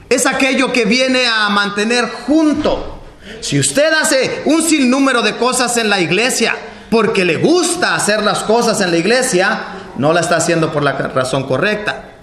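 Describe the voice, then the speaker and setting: High-voiced man preaching in an echoey hall. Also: a bit bright. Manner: impassioned preaching, trailing off low at phrase ends. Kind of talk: sermon. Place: church hall. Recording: echoey church hall, faint background noise.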